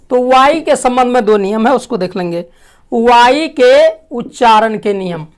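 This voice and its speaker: A woman teaching a language lesson, asking questions and answering them herself, clearing her throat often. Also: on the high side. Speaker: English teacher. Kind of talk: classroom lesson.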